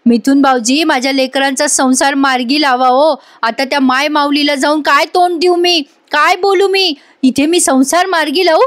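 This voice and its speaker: A grieving older uncle pleads and scolds in a slow, pained voice, put on by a woman recapping a serial. He asks the same reproachful questions again and again, and his voice sits quite high. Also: no room sound, clean studio sound, close to an everyday voice. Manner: emotional, repeated reproachful questions.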